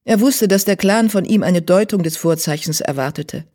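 A man narrating an animal adventure audiobook in a steady, dramatic storytelling manner. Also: high voice, normal speed.

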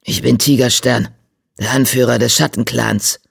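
A narrator voicing a proud tomcat clan leader who speaks in a low, stern, defiant growl. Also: steady tone, normal speed, creaky, husky. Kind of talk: audiobook character voice.

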